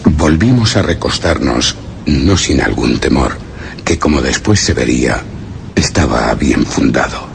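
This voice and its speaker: This solemn literary horror radio drama is narrated by a man playing a grave survivor of an expedition, describing a dreadful journey. His very deep, gravelly voice is expressive and exaggerated, with a measured, formal, ominous manner and a fearful, menacing mood. The audio is very noisy.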